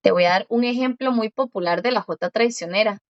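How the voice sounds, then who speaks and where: A female Korean language teacher with a fairly high voice leads a one-on-one lesson. She is a patient explainer, going step by step and repeating words slowly. The recording is dull and dry, with no room sound.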